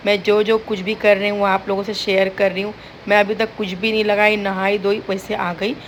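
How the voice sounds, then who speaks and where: A woman's voice: mid-range voice, little pitch movement, fairly quick, a little hiss or hum. A young woman chatting to viewers in a casual home vlog, recorded indoors. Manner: chatty, addresses viewers directly. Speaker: vlogger.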